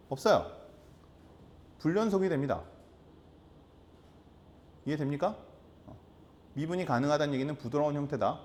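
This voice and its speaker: A man with a somewhat high-pitched voice teaches a high school math class. He repeats the key terms and keeps asking the students questions to check they follow. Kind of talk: classroom lecture.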